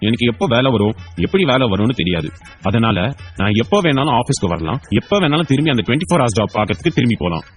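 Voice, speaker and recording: A man's voice: mid-range voice, racing, husky, faint music behind. A man voicing a breezy, talkative young company boss in an audio story. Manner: playful, talkative, lively delivery.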